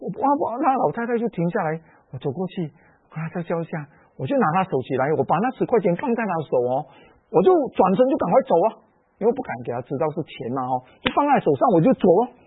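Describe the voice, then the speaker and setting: Brief: middle-aged Malaysian Mandarin-accented male preacher, high and lively storyteller, tinny phone-like audio. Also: fast talker, breathy edge, dry recording. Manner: animated storytelling with frequent particles. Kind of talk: sermon-style personal story.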